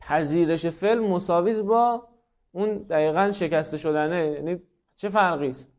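In a dull lo-fi recording, a man with a fairly high, slightly mellow voice gives a classroom lecture. He walks through the material step by step, repeating himself frequently and asking his students questions.

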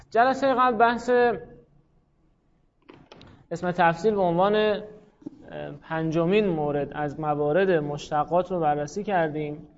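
A man's voice: fairly high pitch, dull audio, slight background noise. A man teaching a class, explaining grammar patiently and calling on students by name. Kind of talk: classroom lecture.

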